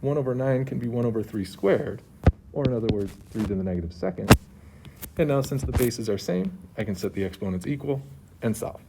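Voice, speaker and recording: A man's voice: medium pitch, lively intonation, brisk, creaky. A male math teacher explaining homework solutions step by step, his voice slightly muffled by a face mask. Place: at a school. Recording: muffled through mask, faint background noise.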